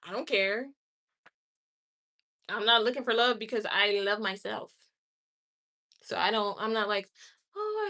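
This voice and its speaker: On her livestream, this late-twenties host talks candidly and with firm opinions, replying directly to what her viewers write. She speaks with a high-pitched, sharp tone.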